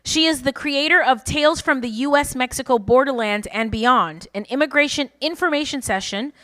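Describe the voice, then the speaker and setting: A woman's voice: sits high, normal speed, a bit bright, no room sound. A woman emcee reading a speaker's bio aloud to a room and adding offhand asides and announcements. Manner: reads smoothly, adds offhand asides. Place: event room with a live audience.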